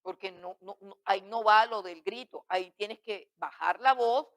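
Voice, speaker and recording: A woman's voice: mid-range voice, moderate pace, fairly bright tone, rough recording. A middle-aged woman teaching a Bible school class on preaching, earnest, repeating key words and answering her own questions.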